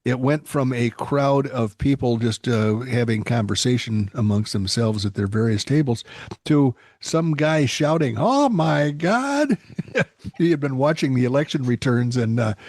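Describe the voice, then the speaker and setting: A man's voice: medium pitch, moderate pace, darkish tone, no room sound. Wordy, playful male podcast host, dry mic. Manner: wordy, playful, self-deprecating. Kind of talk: casual chat.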